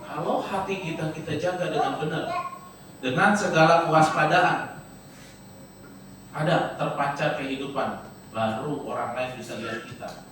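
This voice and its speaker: A male pastor preaching a sermon in a church, telling stories in a lively, conversational way. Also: on the high side, normal speed, long pauses, a little hiss or hum. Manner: lively, conversational, animated storytelling. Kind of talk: sermon with storytelling. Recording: echoey church hall from far off.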